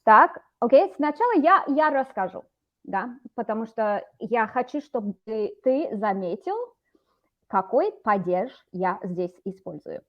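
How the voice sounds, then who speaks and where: A woman's voice: on the high side, lively intonation, unhurried, highs cut off. A woman tutoring a student over a video call, explaining words patiently. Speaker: Russian teacher. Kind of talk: online language lesson.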